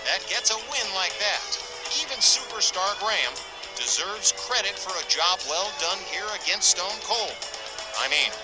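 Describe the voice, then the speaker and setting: A male wrestling commentator with a high voice for a man gives his color commentary. His phrasing is opinionated and colorful, with music clearly playing behind him. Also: animated, normal speed, low-quality recording.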